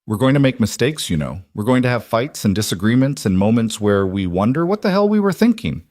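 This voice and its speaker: A man voicing a warm-hearted young ranch cook woman, speaking earnestly and firmly. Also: mid-range voice, very animated, fairly quick, no echo, clean studio sound, natural voice.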